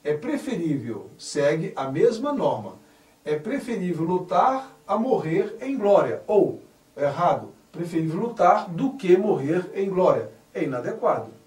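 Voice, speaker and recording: A high-voiced man teaches grammar at a slow, deliberate pace, leaning hard on each corrected word. His voice rises and falls a lot. He sits back from the mic in an echoey room. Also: very animated, darkish tone, recorded from a distance. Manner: spells out words carefully, stressing correct forms.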